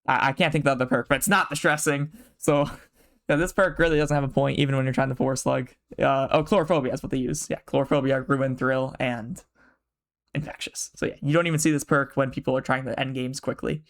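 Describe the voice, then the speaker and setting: Fast-rambling young man streamer. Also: mid-range voice, fairly even intonation, a bit bright. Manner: fast, rambling, full of fillers and swearing. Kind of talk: casual live-stream chat. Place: bedroom.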